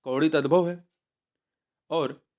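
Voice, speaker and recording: Man, teacher, exam revision lesson, slightly high voice, repetitive, coaxing, self-correcting. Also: fairly even intonation, slow, darkish tone. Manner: repeats each answer, coaxing; corrects himself mid-sentence.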